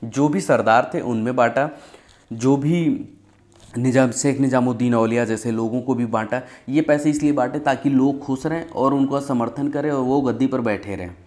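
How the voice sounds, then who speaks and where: A man's voice: mid-range voice, normal speed, darkish tone. A man giving a conversational exam-prep history lesson, telling it as stories and often checking in with "ठीक है". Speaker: history teacher.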